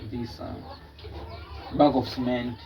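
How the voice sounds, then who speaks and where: A young Burundian man with a Burundian accent, telling his story in a casual interview, often pausing to search for words. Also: medium pitch, creaky, recorded from a distance, background noise. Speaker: guest, travel vlogger.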